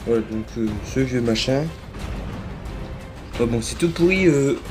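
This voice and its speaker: Over music in the background, a toy collector speaks in a medium-pitched, unhurried way as he unboxes. The chat is casual but hesitant, riddled with fillers and self-corrections, and recorded on a phone held in hand with no tripod.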